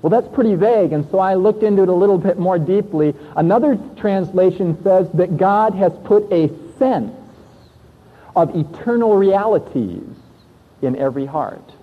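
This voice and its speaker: A man telling his life story as an earnest sermon testimony, reflective, with emphatic pauses. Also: high-pitched, expressive, slightly rough. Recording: tinny, lo-fi recording in a long-echoing hall.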